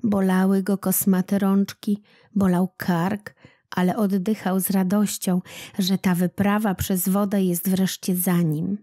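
Slow, mellow woman reading a folk tale. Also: mid-range voice, flat delivery, no room sound, studio quality. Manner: slow, deliberate storytelling. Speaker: narrator, audiobook reader. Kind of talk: reading a children's legend aloud.

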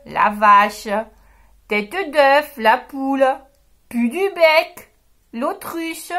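A woman hosting a reading workshop, reading a children's picture book aloud with expressive, drawn-out storytelling. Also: high voice.

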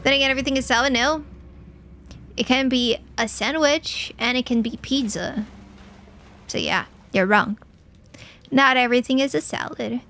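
Streaming a video game, a young adult Portuguese woman chats playfully with viewers, replying to their messages with jokes and mock anger. Her high voice is bright and forceful, at a moderate pace with frequent pauses.

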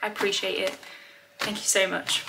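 A woman's voice: mid-range voice, flat delivery, moderate pace, pushed and bright, rough recording. A British woman chatting casually to camera as a haul vlogger, slightly out of breath, rambling with lots of ums. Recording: clear background noise with clicks.

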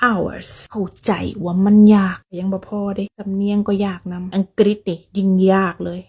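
Husky-voiced woman teaching with an Isan Thai lilt. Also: medium pitch, level tone, a little mellow. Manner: chatty, acts out dialogues, repeats English words slowly. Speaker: English teacher. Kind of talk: casual English lesson.

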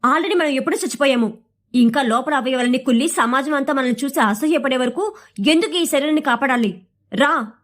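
A woman's voice: sits high, brisk, lightly acted. A woman narrator voicing a desperate, unhinged man in an audio story, speaking with pleading, feverish insistence. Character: desperate, unhinged man urging a deadly plan.

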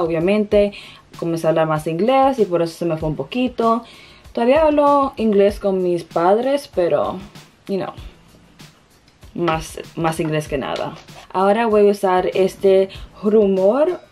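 At home in her bedroom, a young Dominican beauty vlogger with a Dominican Spanish accent walks through a makeup tutorial, pausing to find her words. Her voice is dark and on the low side.

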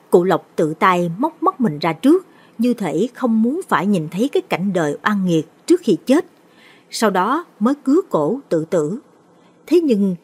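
A woman narrating a late-night Buddhist ghost story in a steady, measured way. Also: mid-range voice, breathy edge.

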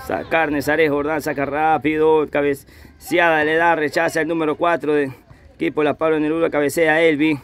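A man's voice: a little high, flat delivery, normal speed, some chatter behind. A man giving live play-by-play football commentary, repeating his phrases over and over. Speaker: amateur football match commentator. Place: outdoors at a football pitch.

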